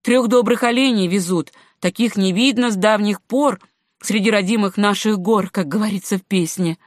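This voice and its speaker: A woman's voice: medium pitch, moderate pace, no room sound, studio quality, close to an everyday voice. A woman reading an audiobook and voicing a good-natured young male farmer and hunter who talks on in a folksy, apologetic way. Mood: coaxing.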